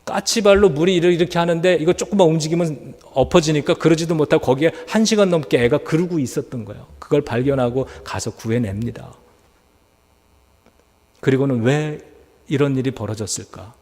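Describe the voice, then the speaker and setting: A man's voice: fairly high pitch, brisk, a little mellow. A man preaching a sermon as a pastor, telling a story and acting out the voices of the people in it. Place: church sanctuary. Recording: church hall reverb.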